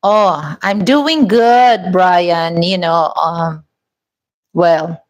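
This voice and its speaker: A woman from the Philippines with a Filipino accent talks casually to her vlog viewers, rambling with many restarts and "you know"s. Her voice is on the low side and extremely slow.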